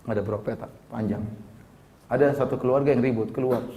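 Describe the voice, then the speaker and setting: A man's voice: mid-range voice, fairly even intonation, quick pace, mellow. A man preaching a sermon, putting questions to the audience and repeating key words for emphasis.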